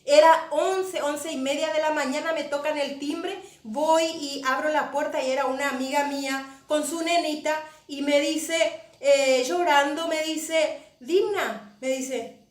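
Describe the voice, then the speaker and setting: A woman's voice: high voice, steady tone, unhurried. A woman pastor giving an emotional testimony sermon, often repeating phrases for emphasis. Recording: echoey room.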